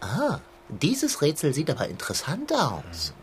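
Eine Frau spricht einen verfressenen, herrischen Kater in einem komischen Hörspiel, mit gestelzter, förmlicher Sprechweise. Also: female voice, deep voice, wildly swooping pitch, unhurried, a little hiss or hum, heavily acted. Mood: haughty. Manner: pompous, stilted formal phrasing. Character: haughty greedy male house cat, demanding. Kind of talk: comic audio play.

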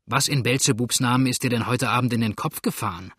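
A man's voice: medium pitch, fast talker, fairly bright tone, slightly rough, dry recording, clean studio sound. A man voicing a greedy boatman who complains and scolds, as in a storybook reading. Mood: grumbling. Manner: complaining and reproachful. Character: grumbling greedy male boatman in the bow.

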